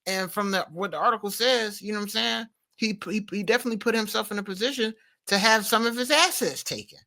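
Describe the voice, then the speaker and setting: A man's voice: high-pitched, fast, sharp tone. A man co-hosting a podcast, talking in a loose, slangy, rambling way full of fillers. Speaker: podcast co-host. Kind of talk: casual commentary chat.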